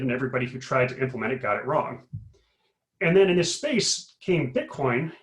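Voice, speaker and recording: A man's voice: medium pitch, fairly bright tone, reverberant, low-quality recording. A middle-aged man, a professor, explaining a topic on a video call, rambling with many fillers and restarts. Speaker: guest speaker, professor. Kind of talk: explanatory talk on a webinar.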